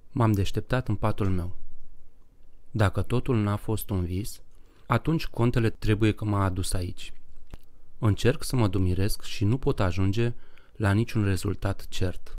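A man narrating a horror audiobook in a slow, measured, dramatic reading. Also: lowish voice, darkish tone, no echo.

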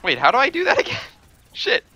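A man gives gameplay commentary in an excitable rush of swearing and squeals. His voice leaps around in a lively, sharply bright register, though he often lingers and drawls between bursts. The recording is dry and slightly dull, lo-fi. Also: extremely high pitch, brisk, breathy edge, no echo. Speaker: gaming video creator.

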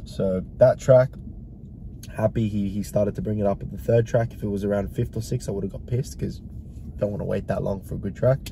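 A young man with a nasal, congested voice from hay fever, casually reviewing an album track by track in a relaxed, rambling way with many fillers. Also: lowish voice, fairly quick, gravelly, slight background noise. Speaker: music reaction reviewer. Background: hip hop music playing.

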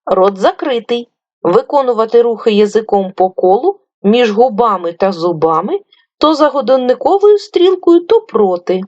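A woman teacher giving a reading lesson to young children, slowly sounding out words sound by sound. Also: on the high side, expressive, darkish tone, no echo, lo-fi sound. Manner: slow, drawn-out sound-by-sound enunciation. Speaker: primary school teacher.

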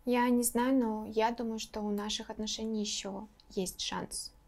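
Jealous young girlfriend, played by an actress; higher voice, sarcastic and accusing. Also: animated, fairly quick. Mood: subdued. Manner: accusing, sarcastic, then quiet and subdued. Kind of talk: short film acting.

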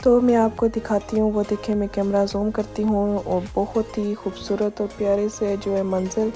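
A woman narrates her evening walk through old city streets for her vlog, filming on a phone as she strolls. Her voice is mellow and fairly level, with soft music playing underneath. She chats along, pointing out each sight as she reaches it. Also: medium pitch, flat delivery, moderate pace. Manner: chatty, repeats "ye dekhiye" while pointing things out. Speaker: travel vlogger. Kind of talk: casual walking-tour narration. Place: outdoors on city streets at dusk.

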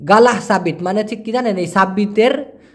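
A man giving a casual language lesson, explaining slowly and repeating words as he breaks them down. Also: high-pitched. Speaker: language teacher.

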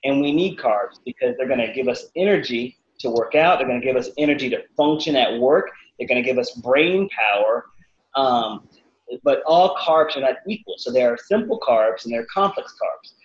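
Animated man on a roomy video call. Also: medium pitch, moderate pace. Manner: animated, acts out quotes with voices. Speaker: guest, fitness cook. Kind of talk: casual interview answers. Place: living room at home. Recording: roomy, slightly dull video call audio.

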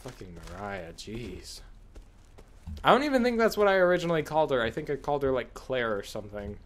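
A man's voice: on the high side, racing, a little hiss or hum. A man giving casual, exasperated, sweary commentary while he plays a horror video game. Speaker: gamer commentating on own play.

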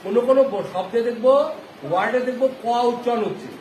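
High-voiced male teacher in an echoey classroom. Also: expressive. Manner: asks the class questions often and repeats answers slowly. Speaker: primary school teacher. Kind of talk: classroom phonics lesson. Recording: echoey classroom with background noise.

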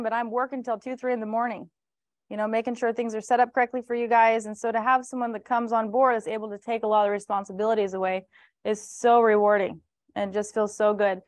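A woman in her thirties hosts an event in a room with a stage, introducing a colleague to a live audience with warm, casual, fond praise and relaxed fillers. Her voice is fairly high and steady, she talks a little fast, and the recording is dry.

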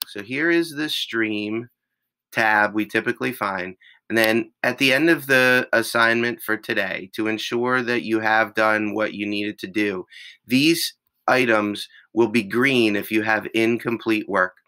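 A male teacher with a raspy voice, patiently walking students through an online classroom step by step. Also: lowish voice, pushed and bright, low-quality recording. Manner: slow, patient step-by-step explaining. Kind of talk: screen-recorded class tutorial.

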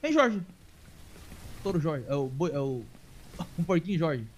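Excitable gaúcho man streaming a game. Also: fairly high pitch, measured pace, slight background noise. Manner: excitable, calls to viewers, coaxes animals aloud. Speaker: gaming streamer. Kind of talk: casual let's-play commentary.

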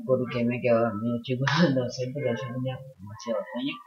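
An excitable man narrates his own gameplay, swearing often and firing off words in repeated bursts. The recording is a little dull and lo-fi, with game music playing loudly behind him. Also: medium pitch, fast talker. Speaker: gaming channel host. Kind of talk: let's play commentary. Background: video game music.

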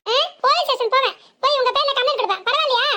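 Woman doing a super high-pitched cartoon village wife, southern tamil nadu accent, sharp and scolding. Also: very fast, background noise. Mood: angry, defiant. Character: young village wife, proud and defiant. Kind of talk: cartoon voice acting.

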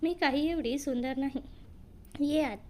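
A woman reading the part of a middle-aged aunt in a storybook reading, teasing and a little bossy, her high voice chiding in a playful way. Faint room ambience sits under the reading. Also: a little slow, a little mellow, slight background noise. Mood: teasing scolding.

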